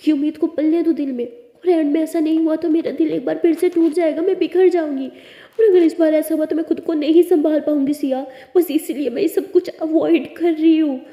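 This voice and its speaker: Lady acting out a young college girl yelling, high and loud, dark mellow tone, echoey room. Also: gravelly. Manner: shouting, bitter, pleading. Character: angry hurt young woman, college student. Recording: echoey room with long reverb.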